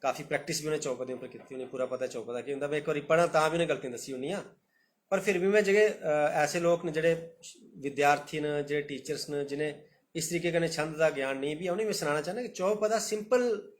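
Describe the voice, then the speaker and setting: A man with a Dogri accent speaks somewhat higher than most men. He teaches in a loose, talky way and keeps repeating his points. When he recites verse he slows right down. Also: fairly even intonation. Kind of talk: live-streamed talk on poetry.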